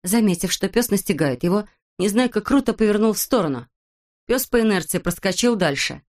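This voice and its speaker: A woman reading a children's storybook aloud as an audiobook narrator, in a steady, even manner. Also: medium pitch, fairly quick.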